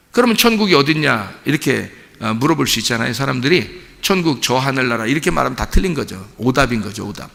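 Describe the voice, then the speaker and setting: Male pastor, raised gravelly voice, rhetorical questions to the flock, insistent, echoing in a church hall. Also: on the high side, sharp tone. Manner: asks the congregation rhetorical questions; builds to emphatic insistence. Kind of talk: sermon. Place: church sanctuary. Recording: long reverb of a church hall.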